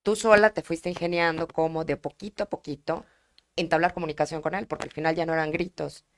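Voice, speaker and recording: Woman host, low-ish soft voice, reassuring, some faint noise behind. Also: fairly even intonation, fairly quick. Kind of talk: casual interview.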